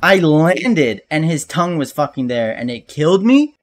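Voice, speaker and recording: A young man streaming a game as an angry, exasperated gamer, swearing and often shouting at the action. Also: a little high, very animated, fairly quick. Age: young adult. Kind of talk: raging gamer commentary on live gameplay. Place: indoor room at a streaming desk.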